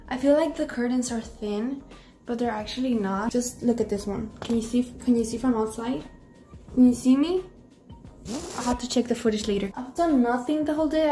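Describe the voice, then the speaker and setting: Her voice is on the high side: a teenage girl vlogging in her small bedroom, trying on clothes and talking in a rambling, relaxed, somewhat tired way, with a slightly Mexican-tinged accent. Because the camera is across the room, she sounds distant and roomy, and soft background music plays.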